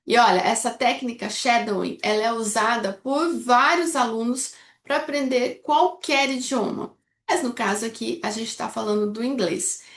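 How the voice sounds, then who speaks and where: A woman's voice: on the high side, normal speed, fairly bright tone. A woman from Brazil, an English teacher, explaining a speaking technique step by step and checking in often with her students. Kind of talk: instructional video lesson. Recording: echoey room.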